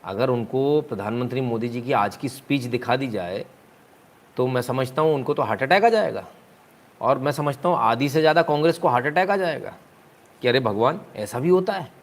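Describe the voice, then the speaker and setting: A man's voice: mid-range voice, expressive, moderate pace. Mocking, taunting male commentator. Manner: mocking, rhetorical and taunting, with sudden loud jeers. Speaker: political commentator. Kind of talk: heated political commentary.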